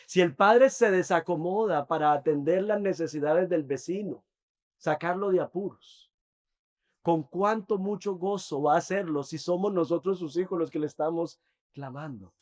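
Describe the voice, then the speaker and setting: A man preaching a sermon as pastor, earnest, often dropping to soft, intimate tones. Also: on the high side, moderate pace.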